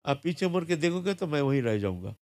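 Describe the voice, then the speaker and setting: A man voicing a statue of the god Krishna that speaks calmly and a little teasingly in a devotional story. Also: a little high, fast talker. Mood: instructing. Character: gentle, playful deity statue of young Krishna.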